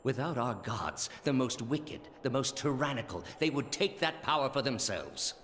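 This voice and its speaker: An actor playing a weary, ancient immortal villain in a video game, a grave and unyielding orator serving the gods. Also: male voice, medium pitch, expressive, moderate pace, a bit bright, a little hiss or hum, natural voice. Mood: fervent. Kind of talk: dramatic game voice acting.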